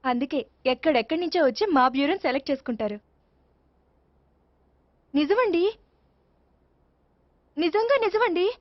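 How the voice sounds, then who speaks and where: Eager, salesy bureau agent, high and bouncy. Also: female voice, animated, normal speed, pauses often, dry recording, dull audio. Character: chirpy woman marriage bureau agent, salesy.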